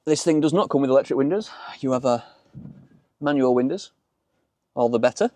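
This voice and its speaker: With a brisk, mid-range voice and a darkish tone, a man from Yorkshire, England chats through a casual car vlog using colloquial British slang. There's no room sound, but the outdoor setting around a small open-top car makes the recording noisy with car and ambient sound.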